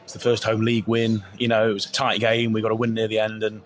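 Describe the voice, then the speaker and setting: A man's voice: lowish voice, completely flat delivery, quick pace. A man, a football coach, speaking in a post-match interview with his voice partly gone, upbeat and often saying "you know". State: voice partly lost.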